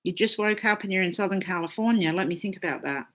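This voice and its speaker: A woman's voice: mid-range voice, fast. A woman astrologer hosting a casual live stream, chatting freely, swearing often and reading out viewer comments.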